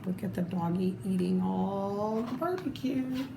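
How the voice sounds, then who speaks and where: A woman reads a children's storybook expressively, adding little asides to the listener. Her medium-pitched voice is mellow and unhurried. The recording has a roomy echo and clear background noise.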